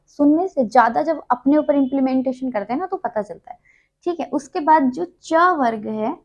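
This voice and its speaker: A woman's voice: high voice, muffled recording. A woman teaching a Hindi grammar lesson, patiently explaining and drawing out each consonant sound. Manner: uses many fillers.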